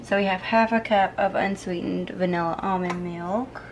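A chatty young woman films a casual cooking video in her home kitchen, talking upbeat as she cooks. Her voice sits on the low side, with fairly even intonation and a normal pace. Faint music plays in the background.

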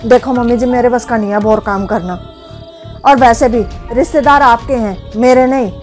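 An actress playing a blunt, snappish young daughter-in-law in a family drama who later turns self-reproaching. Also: female voice, medium pitch, steady tone, normal speed, dark tone, soft background music, natural voice. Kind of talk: Hindi family drama acting.

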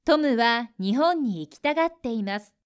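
A woman reading translations of lesson sentences in a brisk, neat manner. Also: on the high side, lively intonation, clear, resonant tone. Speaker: translation reader.

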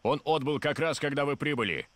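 A man's voice: fairly high pitch, fairly quick, fairly bright tone, natural voice. A man voicing a curt commanding officer in matter-of-fact game dialogue. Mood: businesslike.

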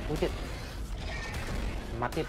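A man streaming and commenting on a video game, excitedly repeating short exclamations as he plays. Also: slow, heavy background noise. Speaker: gaming streamer.

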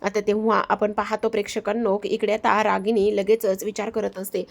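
A woman's voice: medium pitch, little pitch movement, moderate pace, gravelly. A woman recapping a television serial episode, telling the scenes and reading out the characters' lines in her own voice. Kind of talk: storytelling recap with quoted dialogue.

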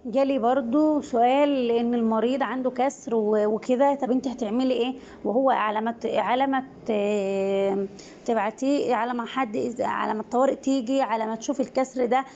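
A woman's voice: fairly high pitch, fairly even intonation, fairly quick, a little mellow, dull audio, slight background noise. A woman with an Egyptian Arabic accent, a nursing assistant casually recapping exam questions to viewers, hesitant with many restarts.

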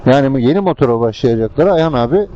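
Speaking very fast with lively intonation, a man with a mid-range voice rambles colloquially to his viewers while scootering through traffic. He's a motovlogger recording on a helmet-mounted mic, so the sound is muffled and swamped by loud engine, road and vehicle noise.

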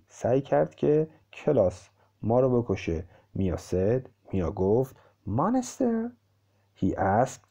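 A man teaches English by reading a story one line at a time and explaining each line. His voice is very dark and mellow. He says each English sentence slowly and clearly. The recording sounds muffled and lo-fi. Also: on the low side.

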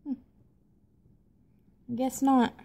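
A young woman from the American South with a Southern accent, chatting casually to camera in a hesitant, low-key way. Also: level tone, very slow, vocal fry, a little mellow. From Tennessee and Mississippi, United States. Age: young adult. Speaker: amateur vlogger. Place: small living room at home, seated in an armchair.

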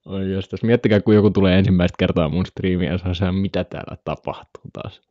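Brief: young Finnish male streamer, low voice, joking and rambling, dull dry lo-fi mic. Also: fairly even intonation, mellow. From Finland. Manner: joking, rambling, imitates animal sounds. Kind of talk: casual live-stream chat.

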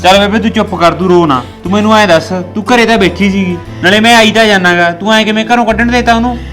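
A man's voice: high voice, fast, fairly bright tone, faint music behind. A man with a Punjabi accent acting in a village family drama, reassuring his mother in an earnest way. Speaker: son talking to his mother.

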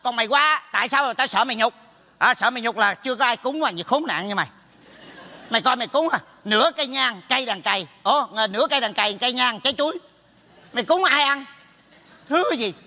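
High, bright, blunt neighbor who teases his friend; stage comedy with long reverb. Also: lively intonation, heavily acted. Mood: teasing. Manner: teasing, blunt, rapid scolding. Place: theater stage.

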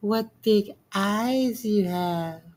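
A man voicing a sweet, polite little girl in a storybook reading, speaking slowly in a high, gentle, innocent voice.

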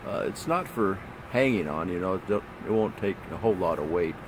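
A man's voice: low-pitched, lively intonation, fairly quick. A man in his sixties explaining casually in a plain, laid-back way. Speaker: vlogger, RV traveller. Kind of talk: casual vlog talk. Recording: noisy phone audio with road noise.

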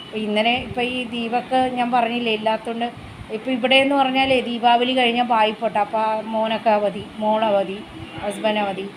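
A chatty woman talks straight to her viewers in a home phone video, and her voice sits high. Now and then she turns to coax her pet dog. A steady hum of household noise runs underneath. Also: brisk. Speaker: vlogger. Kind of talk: casual home vlog chat. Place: family home indoors. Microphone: phone camera.

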